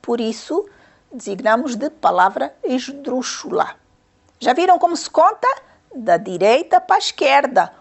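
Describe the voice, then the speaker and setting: A woman's voice: high-pitched, big pitch swings, measured pace, gravelly, husky. A woman teacher giving a grammar lesson to young pupils, patiently repeating questions and counting syllables aloud.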